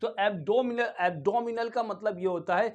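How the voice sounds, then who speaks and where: A man's voice: high voice, moderate pace. A man with an Indian accent teaching English pronunciation, asking questions and repeating each word several times. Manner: asks rhetorical questions and repeats the answer; drills words by saying them again and again. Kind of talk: classroom-style pronunciation lesson.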